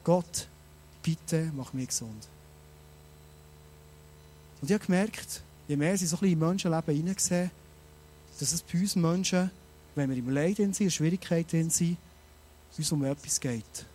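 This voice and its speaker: A man preaching a sermon, animated and speaking straight to his listeners with many rhetorical questions. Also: on the high side, fairly quick.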